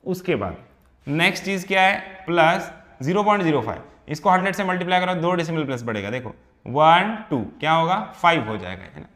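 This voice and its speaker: A male teacher solves a physics problem step by step, speaking quickly in a high, slightly bright, very animated voice. He repeats himself and checks in with his students constantly, using "है ना" and "ठीक है".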